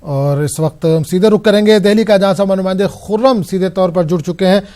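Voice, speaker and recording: A man presenting the news in a measured, formal way, handing over to a field reporter. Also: sits high, a little mellow. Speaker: news anchor.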